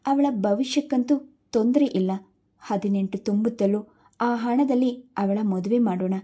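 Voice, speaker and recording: A woman voicing a calm mother who speaks reassuringly in a told story. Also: fairly high pitch. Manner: unhurried, reassuring.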